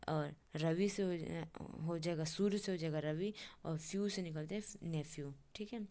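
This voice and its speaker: Low-voiced woman teaching. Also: a little mellow. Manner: repetitive, keeps asking "ठीक है?" and checking on the listener. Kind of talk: exam-prep memory tricks lesson.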